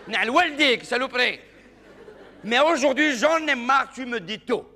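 A man's voice: very high voice, expressive, measured pace, sharp tone, a faint crowd, pitched above the performer's own voice, heavily acted. A male comedian voicing an exasperated young woman in love, pleading in breathless outbursts. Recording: reverberant hall.

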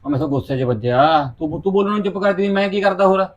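A man's voice: high-pitched, animated, racing. An actor with a Punjabi accent playing an exasperated husband caught between his wife and his sister, pleading with her to stop. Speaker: husband in a joint family. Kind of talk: short film acting.

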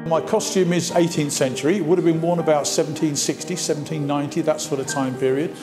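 A man's voice: a little high, fairly even intonation, fast talker. An older man giving an emphatic personal account to camera. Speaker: interviewee, town crier. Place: indoors in a hospital corridor. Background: music.

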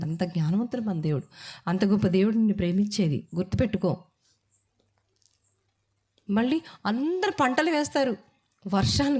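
A woman's voice: a little high, darkish tone, breathy edge. A woman with a Telugu accent leads a women's church meeting. She preaches fervently and emotionally, throwing questions out to the listeners and pressing them to answer back. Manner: fervent, call-and-response, asks the audience to answer. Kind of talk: emotional sermon.

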